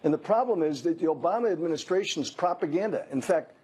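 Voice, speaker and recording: A man's voice: fairly high pitch, expressive, quick pace, mellow, breathy edge, rough recording. An older man giving blunt, emphatic commentary as a guest on a news interview, often restarting his words. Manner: blunt, emphatic, self-correcting.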